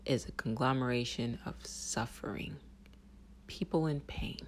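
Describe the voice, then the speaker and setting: A vlogger giving an intense spiritual monologue with casual swearing, often dropping into soft whispers. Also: medium pitch. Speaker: self-help vlogger.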